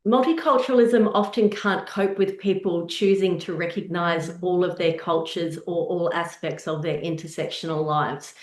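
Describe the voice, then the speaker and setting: A woman presents from her slides in an earnest, measured way, working through rhetorical questions. Her voice sits a little low, and the room around her adds a noticeable echo. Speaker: presenter on intercultural practice.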